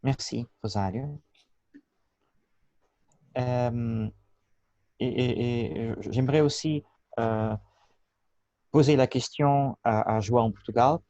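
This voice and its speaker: A man's voice: mid-range voice, steady tone, takes it slowly, long pauses, dark tone. A man moderating an academic round table, handing the floor from one speaker to the next. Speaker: panel moderator. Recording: dull, roomy sound.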